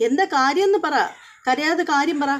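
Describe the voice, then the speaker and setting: A woman's voice: sits high, normal speed, pitched above the performer's own voice, lightly acted. A woman voicing an angry young husband who sharply questions his wife and her family. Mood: demanding.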